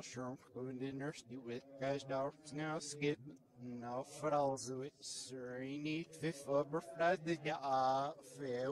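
A man's voice: mid-range voice, poor audio. Man's voice played backwards. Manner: garbled gibberish-like syllables. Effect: speech played backwards.

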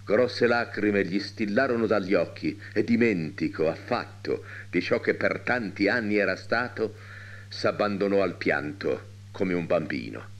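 A man's voice: on the low side, measured pace. A man reading a literary short story aloud with dramatic expression. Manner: dramatic, wide-ranging delivery. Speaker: reader.

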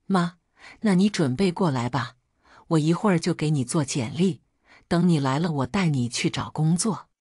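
A woman's voice: sits low, animated, moderate pace, a little mellow, breathy edge, no room sound, clean studio sound. A woman voicing a sympathetic young adult daughter who speaks earnestly and encouragingly. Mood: caring.

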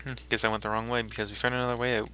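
A man hosts a gaming video, giving casual let's play commentary as he rambles and talks to himself while playing. His medium-pitched voice barely moves in pitch and comes very fast, on a very noisy recording.

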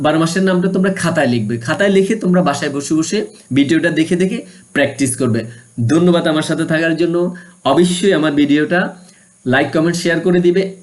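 Guy teaching kids english, mixes english bits in, repeats month names slow, voice a bit high. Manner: repeats month names slowly for pupils to copy; mixes English phrases into Bengali explanations. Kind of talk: primary school English lesson.

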